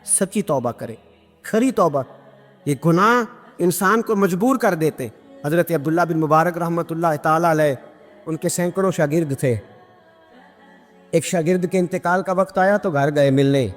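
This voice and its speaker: Fervent high-voiced male preacher, echoing hall. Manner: fervent storytelling, pitch climbing as emotion builds; quick Arabic Quran recitation. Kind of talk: impassioned Islamic sermon. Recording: long hall reverb with background music.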